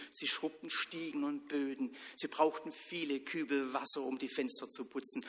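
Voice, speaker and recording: A man preaching a sermon in church, telling stories and swinging between loud lines and whispers. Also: medium pitch. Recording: long church reverb.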